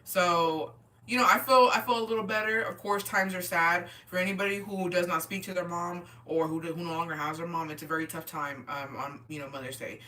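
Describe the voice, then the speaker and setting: Reading and replying to comments on a casual livestream, a tipsy woman in her twenties uses slangy language mixed with swearing and Spanish. Her voice is on the low side, steady, brisk and sharp-toned. The microphone picks her up from a distance.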